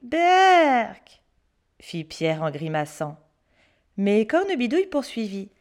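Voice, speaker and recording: A woman storyteller reading a children's story aloud, expressive and hushed for suspense. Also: mid-range voice, a little slow.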